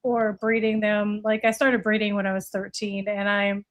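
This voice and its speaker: Speaking at a normal speed with a flat delivery, this woman has a mid-range voice and an American accent. She's in her late forties, lives in Virginia after earlier years in Florida, and chats casually as a podcast guest about breeding reptiles.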